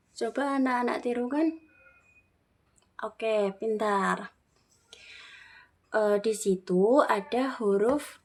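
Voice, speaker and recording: A young woman with an Indonesian accent teaching a classroom lesson on Quran recitation, speaking slowly and clearly and modelling phrases for children to repeat. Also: on the high side, a little mellow. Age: young adult. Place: classroom with a whiteboard.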